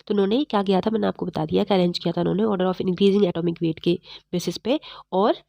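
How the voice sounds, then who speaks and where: A woman teaching chemistry in a fast, repetitive exam-prep lecture, slightly unwell. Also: fairly low pitch, fairly even intonation, vocal fry, warm tone, dry recording. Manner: fast-talking, repetitive quizzing of students.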